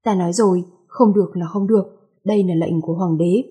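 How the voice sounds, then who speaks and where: A woman voicing a possessive, commanding young male emperor in a read-aloud story, in a mellow, husky voice. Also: fairly low pitch, fairly even intonation, a little fast.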